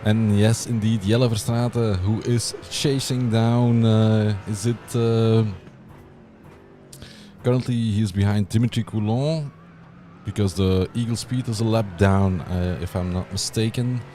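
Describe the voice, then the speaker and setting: Deep-voiced man, hesitant commentary. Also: steady tone, a little slow, soft background music. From Belgium. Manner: hesitant, many uhs, laughs softly. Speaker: sim racing commentator. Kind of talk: live race commentary and banter.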